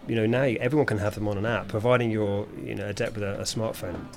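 A man working as a speech therapist, calmly explaining treatment techniques in conversation. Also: lowish voice, slight background noise. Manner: measured, explanatory.

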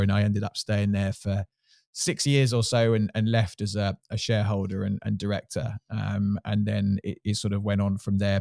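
Low-pitched with some vocal fry and a slightly mellow tone, this man is an interview guest working in sports marketing. Middle-aged and from Surrey, England, he has a Home Counties accent and talks candidly, casually and self-deprecatingly. The studio-quality sound is clean, with no room sound.

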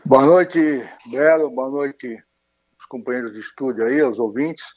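Joining a radio show as a guest, a man speaks formally over a choppy phone line that keeps breaking up, hesitating often. His mid-range voice is a little slow, and the call sounds muffled and dry, with no echo.

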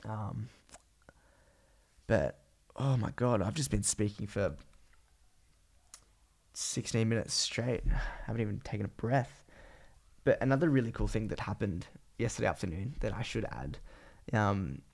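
Croaky, phlegmy young Australian man. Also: on the low side, unhurried, long pauses, darkish tone. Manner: rambling, slangy, swearing casually. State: sick with a cold, voice partly gone. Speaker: podcast host and vlogger. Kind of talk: casual solo podcast catch-up.

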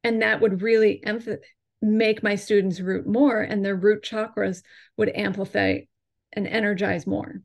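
A woman's voice: mid-range voice, little pitch movement, creaky. Woman teacher drawing out vowel sounds. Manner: slows to draw out and demonstrate vowel sounds; measured, instructive explaining. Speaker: chakra and yoga teacher. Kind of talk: explanatory interview talk.

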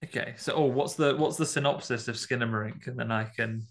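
A man's voice: medium pitch, a little fast, fairly bright tone. A man, co-hosting a podcast and setting word puzzles in casual chat, hesitant with many ums and chuckles. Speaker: podcast co-host.

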